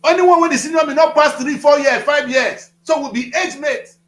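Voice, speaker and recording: Speaking as a studio guest in an echoey room, a Nigerian man in his fifties has an extremely high, somewhat bright voice and a moderate pace. His political talk is passionate, preachy and emphatic, with phrases repeated for effect.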